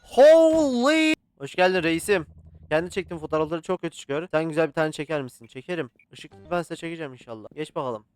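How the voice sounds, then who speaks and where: Male gaming host, fairly high, smooth clean voice, dry close sound, loud outbursts at scares. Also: steady tone, fast talker, no echo, faint music behind. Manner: swears and yells at jump scares, chatty with the game. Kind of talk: casual let's-play commentary.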